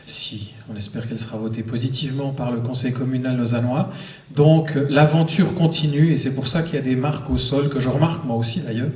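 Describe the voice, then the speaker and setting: A man's voice: medium pitch, darkish tone. A man hosting a film screening, giving a conversational, digressive live introduction as he addresses the public. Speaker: cinema host introducing a screening. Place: cinema auditorium before an audience. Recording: echoey auditorium, distant microphone.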